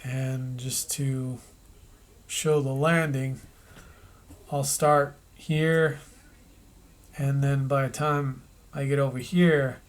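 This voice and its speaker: Slow, flat-voiced man explaining animation. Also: mid-range voice. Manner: relaxed, thinking aloud with pauses and restarts. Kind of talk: animation tutorial narration.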